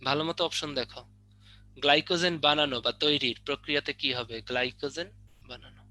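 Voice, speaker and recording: Young guy tutoring biology, bright slightly high voice, jokey fake threats, keeps quizzing. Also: fast talker, no echo, soft background music. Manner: teasing mock threats, drilling questions. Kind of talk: online exam-prep lesson.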